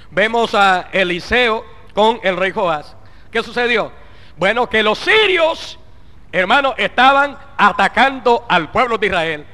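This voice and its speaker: A male pastor preaching a fervent sermon. He fills it with hallelujahs and swings from loud exhortation to muttered asides. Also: sits high. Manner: fervent preaching, with frequent interjected "aleluya" and "bendito Cristo". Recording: long reverb of a large hall.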